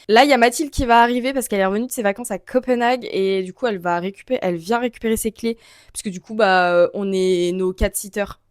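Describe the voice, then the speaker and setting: A young female vlogger rambles casually to her viewers, full of slang, in a fairly high voice. The recording is dry, with little room echo.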